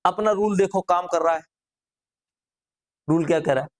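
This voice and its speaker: High-voiced man teaching a grammar class. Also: normal speed. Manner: drills students with rhetorical questions.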